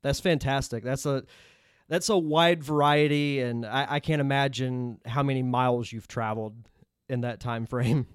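A man's voice: medium pitch, fairly even intonation, moderate pace, clear, resonant tone, dry recording. A male podcast host who sounds stuffed up and nasal from a cold. He talks in a chatty, upbeat way, recorded close and dry with no room sound. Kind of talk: casual podcast interview.

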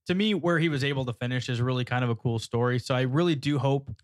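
A man co-hosting a casual sports podcast, chatty and quick to laugh, often repeating his words. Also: mid-range voice, dry recording, studio quality. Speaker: podcast co-host.

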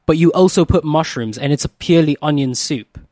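A man's voice: fairly high pitch, a little fast, darkish tone, dry recording, studio quality. A man playing a tabletop game, often stammering and repeating words. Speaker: player.

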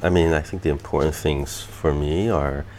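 A man from Taiwan, an architect guest, speaking hesitantly with many pauses and fillers in an office interview. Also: extremely low pitch, steady tone, darkish tone, a little hiss or hum. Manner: hesitant, halting, many ums and uhs. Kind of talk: casual interview conversation. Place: university office.

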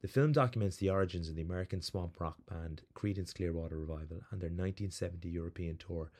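A man hosting a podcast, telling a rambling, animated story with plenty of fillers before reading out some background. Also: sits low, fast talker. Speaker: podcast host. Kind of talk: casual storytelling monologue.

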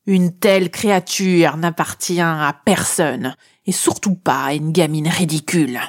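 A woman voicing a huge, proud male fire dragon in a children's audio story, growling slowly and threateningly in a cavernous voice. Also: low voice. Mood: menacing. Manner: slow, threatening delivery.

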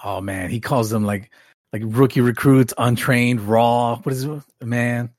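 Chill podcast guy, halting and amused, mid voice, dry sound. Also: medium pitch, fairly even intonation, no echo. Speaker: podcast co-host. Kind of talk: casual chat.

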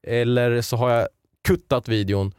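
A man's voice: mid-range voice, steady tone, a little mellow, clean tone, no room sound, clean studio sound. A young man co-hosting a Swedish podcast, chatting casually and loosely with lots of fillers. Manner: loose, filler-heavy, joking. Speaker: podcast co-host running a segment.

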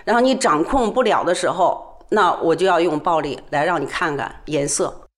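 A woman's voice: deep voice, normal speed. A woman who trains people on domestic violence, explaining her views earnestly in an interview, with frequent hesitant fillers.

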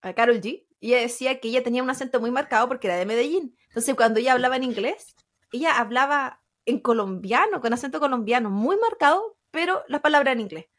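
A woman's voice: a little high, quick pace. Laughing Chilean woman telling stories. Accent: Chilean Spanish. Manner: laughs often, animated storytelling. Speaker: podcast co-host. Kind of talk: casual chat.

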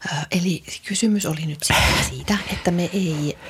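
A woman in her forties co-hosting a casual chat podcast, keeping her voice low and hushed in a makeshift home studio. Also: a little hiss or hum. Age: 40s. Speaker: podcast co-host.

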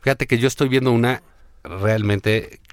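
A man's voice: medium pitch, fairly even intonation, moderate pace, no room sound. A man with a Mexican accent co-hosting a casual political chat, easygoing and agreeable. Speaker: co-host.

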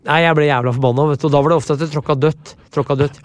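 A man from tells stories at a podcast, rambling and blunt and often repeating himself. His voice sits a little high for a man. The sound is close and dry. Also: steady tone, no room sound. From Brumunddal, Norway. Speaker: podcast guest, author. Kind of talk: casual storytelling in interview.

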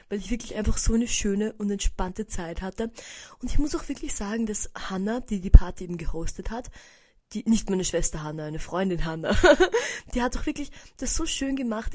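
A woman's voice: on the high side, dark tone. A young woman with a Viennese accent, telling a story in a casual podcast monologue, chatty, addressing her listeners directly and sprinkling in English slang. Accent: Viennese Austrian German. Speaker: podcast host.

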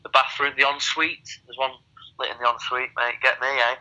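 Man on a phone speaker, tinny and bright. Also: medium pitch, little pitch movement, a little fast. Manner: rambling, crude joking banter. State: has a cold. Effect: heard through a phone speaker. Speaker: podcast co-host. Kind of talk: casual chat. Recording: phone call played on speakerphone.

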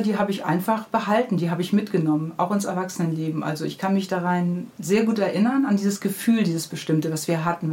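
A middle-aged woman from Hamburg, Germany, a children's book author appearing as a guest, reflectively tells anecdotes in a conversational interview. Her voice is fairly low in pitch and a little mellow.

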